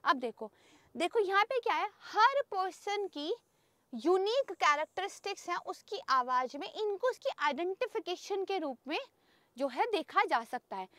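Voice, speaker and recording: Very high-voiced chatty woman teacher. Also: sing-song, unhurried, sharp tone, no echo. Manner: chatty, keeps checking in with students; mixes English terms into explanations. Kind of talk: exam-prep lecture.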